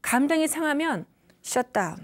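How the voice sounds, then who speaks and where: A middle-aged woman counselor gives a lecture with a lively, swooping voice that sits fairly high. She acts out quoted parents and children along the way and sometimes drops to a whisper to stress a point. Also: moderate pace. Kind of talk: lecture on communication.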